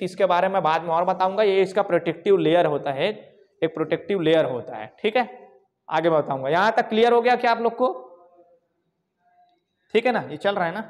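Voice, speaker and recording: High-pitched guy teaching online class, keeps asking then answering himself. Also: brisk. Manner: repetitive call-and-response questioning; informal, calls students bhaiya and bhai. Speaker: coaching teacher. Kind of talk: live online class lecture. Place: coaching class, recorded over slides.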